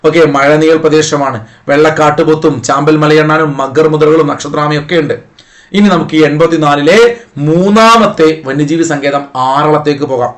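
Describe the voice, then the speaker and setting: A man teaches an online exam-prep class in a slightly high voice. He keeps coaxing his students with playful memory tricks and quick rhetorical questions, recorded close on his mic. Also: steady tone.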